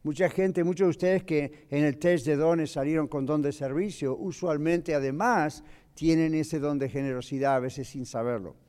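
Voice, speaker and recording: A male pastor, teaching a Bible lesson in a church classroom, asking his class questions and explaining slowly. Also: fairly high pitch, darkish tone. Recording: long reverb of a hall.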